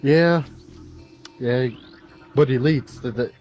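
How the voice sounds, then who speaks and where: A man's voice: mid-range voice, slow, over music, low-quality recording. A man casually commenting on a video game with a friend, laid-back and joking. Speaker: let's play co-commentator.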